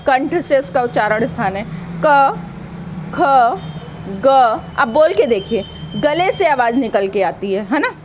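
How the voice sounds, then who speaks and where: High-voiced woman teaching exam-prep grammar. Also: a little hiss or hum, poor audio. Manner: patient, asks and answers own questions; sounds out letters slowly one by one.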